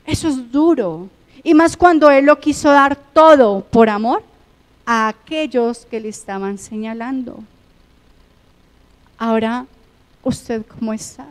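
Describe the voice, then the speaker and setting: High-voiced Colombian woman preaching. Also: slow pace, pauses often, long reverb tail. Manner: impassioned, swinging between loud emphatic phrases and hushed ones. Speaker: pastor. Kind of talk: sermon.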